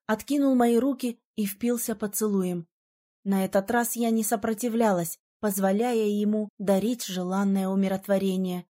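Female audiobook narrator, expressive first-person reading, warm tone. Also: on the high side. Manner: expressive, emotional storytelling.

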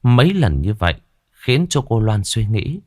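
A man narrating a ghost story audiobook in an expressive, dramatic manner. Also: fairly low pitch, moderate pace, no echo, studio quality.

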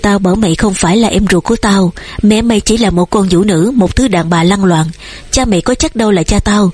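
A woman voicing a cold, bullying grown son who threatens his family in rapid, harsh bursts, with a husky voice. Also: mid-range voice, a little mellow, dry recording, lightly acted.

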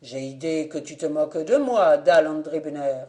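A woman's voice: deep voice, expressive, moderate pace, warm tone. A woman reading the part of a jovial, thirsty male farmer fond of drink, in a boisterous manner. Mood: skeptical.

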